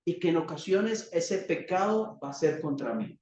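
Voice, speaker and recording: A man with a Colombian accent preaching a sermon, asking rhetorical questions and leaning on dramatic pauses. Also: fairly high pitch, big pitch swings, a little mellow, slight background noise. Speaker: pastor. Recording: echoey hall, distant dull mic.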